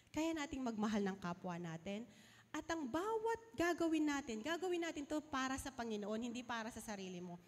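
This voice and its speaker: A woman pastor preaching a sermon, earnestly asking her congregation questions, still recovering from a fever. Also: sits high. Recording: long hall reverb.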